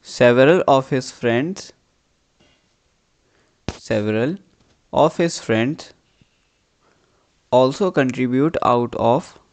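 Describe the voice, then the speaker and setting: A man with a mid-range, darkish voice delivers an English dictation as a teacher. He reads each phrase deliberately and repeats them.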